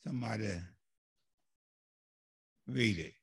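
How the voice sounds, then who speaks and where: A man preaching a sermon with passion, dwelling on words and rising to shouts. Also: on the low side, lively intonation, gravelly, slightly rough. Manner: impassioned, builds to shouts and drawn-out emphasis.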